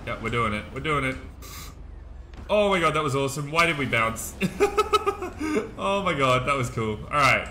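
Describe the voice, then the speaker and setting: Young male game commentator, chatty and excitable, bright tense tone. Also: mid-range voice, brisk, a little hiss or hum. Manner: excitable, chatty, laughs often. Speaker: gaming streamer. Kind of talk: casual gameplay commentary.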